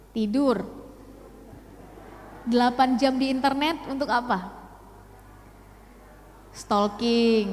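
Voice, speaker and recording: A woman's voice: on the high side, darkish tone, slight background noise. A young woman giving a motivational talk to a youth audience, asking rhetorical questions and mixing in English phrases. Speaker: speaker at a youth talk show. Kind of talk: motivational public speech. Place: hall with live audience. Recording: long hall reverb.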